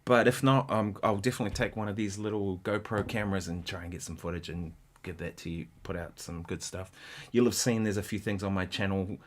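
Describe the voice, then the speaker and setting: Guy with a lowish voice chatting on his guitar stream, kinda rambly, restarts a lot, counts out rhythms. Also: steady tone. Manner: rambling, halting, with many restarts; counts and sings rhythm syllables aloud. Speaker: guitarist livestream host. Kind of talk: casual livestream chat.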